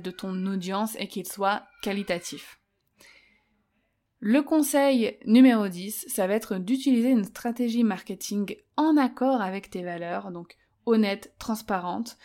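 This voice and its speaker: A woman's voice: medium pitch, mellow. Chatty French-speaking woman podcaster. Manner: chatty, many fillers and restarts. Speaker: podcast host. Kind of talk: solo podcast advice talk.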